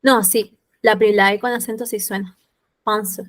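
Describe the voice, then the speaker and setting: A woman's voice: mid-range voice, steady tone, crowd noise. Woman teacher, patient French lesson. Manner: slow and patient, repeating each French word and then its Spanish meaning. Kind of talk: online class, explaining vocabulary.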